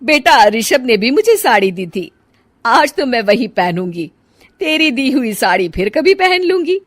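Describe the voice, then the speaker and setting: An older Indian-drama style mother voiced by a woman, high and very animated. She sounds plaintive and easily irritated, in a story recorded dry and close. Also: a little slow, no echo. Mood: mildly aloof. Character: sad older mother, curt with stepson, pining for own son. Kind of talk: acted dialogue in a Hindi family audio story.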